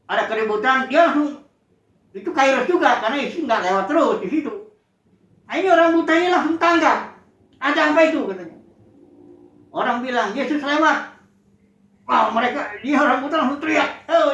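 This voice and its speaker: A woman's voice: high voice, a bit bright. A woman preaching a sermon, telling the story expressively and acting out the quoted cries. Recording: echoey room, dull lo-fi sound.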